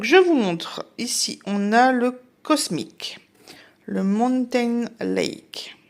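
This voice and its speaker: A woman's voice: on the low side, a little mellow. A woman from northern France chatting casually through an unboxing vlog, with many hesitations and the product names whispered. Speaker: vlogger.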